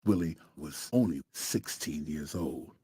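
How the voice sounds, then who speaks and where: A man narrating a true story in a scripted, dramatic storytelling style, slowing down for emphatic pauses. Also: a bass voice, dark tone, husky, dry recording.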